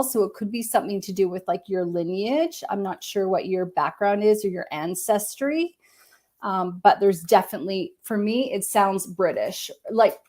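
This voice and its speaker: A woman medium giving a live-stream reading, talking gently and searchingly, hedging with many likes and ums, and dropping to a soft murmur as she tunes in. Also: mid-range voice.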